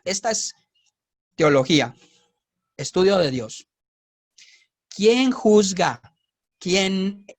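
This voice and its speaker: A man with a Mexican accent, teaching scripture in a casual, lively style and often asking his listeners rhetorical questions. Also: high voice, gravelly. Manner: animated, asks the audience rhetorical questions.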